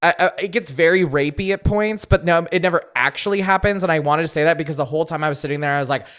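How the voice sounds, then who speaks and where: Brief: male podcast host, smooth resonant voice, a touch high, animated swearing storyteller. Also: quick pace. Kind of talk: casual podcast chat.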